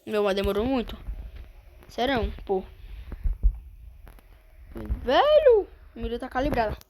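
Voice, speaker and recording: An excitable woman with a Brazilian Portuguese accent comments on her game as she plays, her high voice jumping up and down a lot. She keeps breaking into panicked cries, with a faint hiss under the voice. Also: slow. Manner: excitable, frequent panicked exclamations. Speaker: gamer streamer. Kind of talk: gameplay commentary.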